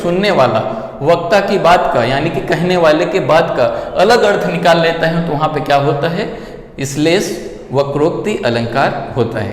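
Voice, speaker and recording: A male teacher explaining grammar, repeating each point and checking understanding with questions. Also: on the high side. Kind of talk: Hindi grammar lesson. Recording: echoey room with long reverb.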